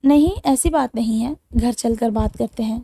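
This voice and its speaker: A woman narrator voicing an affectionate young husband who speaks gently and teasingly. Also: fairly high pitch, vocal fry. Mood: tender teasing.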